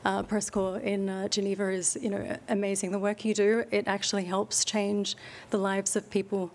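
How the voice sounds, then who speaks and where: A woman spokesperson at a press briefing, speaking with halting, heartfelt emotion and close to tears. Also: mid-range voice, completely flat delivery, darkish tone. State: tearful. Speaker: UN agency spokesperson.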